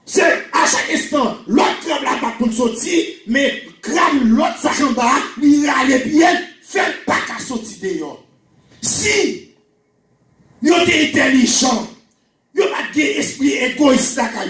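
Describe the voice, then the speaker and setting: A high-pitched middle-aged man with a Haitian Creole accent preaches in a small church, often shouting and repeating phrases for emphasis. His handheld microphone is picked up from a distance, so the voice sits back in the room. The church space adds a noticeable echo. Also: expressive, slow. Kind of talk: sermon. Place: small church hall with pulpit.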